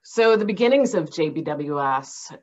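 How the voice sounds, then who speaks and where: A woman's voice: low-pitched, animated, moderate pace, dull audio. A woman, head of a nonprofit, giving an earnest presentation with shared slides over a video call. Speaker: nonprofit president and speaker. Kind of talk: presentation to a virtual conference.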